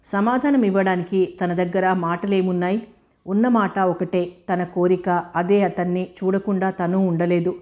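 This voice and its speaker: A woman narrating a novel as an audiobook, in calm, even storytelling. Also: fairly low pitch, moderate pace.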